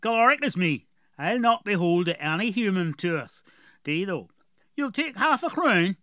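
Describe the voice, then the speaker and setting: A man voicing a gruff, thrifty male dwarf traveler with a strong rustic dialect who haggles in short, blunt phrases. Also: high voice, normal speed, darkish tone, no echo, studio quality, pitched above the performer's own voice, lightly acted. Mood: haggling.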